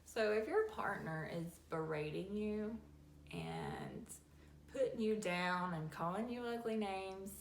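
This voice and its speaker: A woman talks slowly and deliberately. Her delivery is folksy and animated, with homespun asides. The room sounds echoey, and there is a faint hiss behind her. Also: medium pitch. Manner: folksy and animated, acts out little scenes. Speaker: host. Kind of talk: faith-based advice talk.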